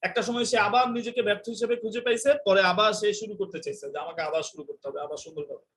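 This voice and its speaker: Man, young adult, high voice, rapid speech, joking, scolding, English teacher in a live online class. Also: fairly bright tone.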